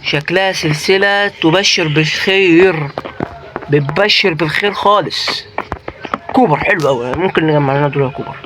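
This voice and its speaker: Man, Egyptian Arabic accent, let's-play gamer, panicky high shrieks, noisy recording. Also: moderate pace. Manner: jumpy, panicky, bursts into high shrieks when scared. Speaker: gaming YouTuber. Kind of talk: Minecraft let's-play commentary.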